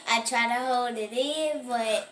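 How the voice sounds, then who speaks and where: A cheeky, giggly know-it-all schoolgirl, played by a woman, high and unhurried, who apologizes but can't stop laughing at classmates. The sound is roomy and echoey, as in a comedy skit. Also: fairly bright tone, faint music behind. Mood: defiant. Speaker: student.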